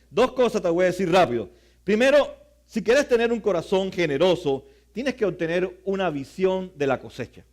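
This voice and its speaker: A middle-aged man preaching a sermon as pastor, earnest, with quiet asides. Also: on the high side.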